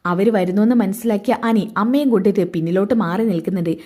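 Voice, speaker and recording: A woman's voice: mid-range voice, fast talker, dark tone. A woman retelling a serial's plot in a chatty, casual storytelling way. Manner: chatty, addresses listener with tag words. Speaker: serial recap narrator.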